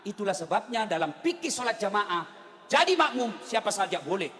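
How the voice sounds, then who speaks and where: A man preaching a humorous sermon, telling lively stories and repeating rhetorical questions to the crowd. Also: high voice, brisk. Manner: animated storytelling, repeats rhetorical questions, acts out characters. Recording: long hall reverb.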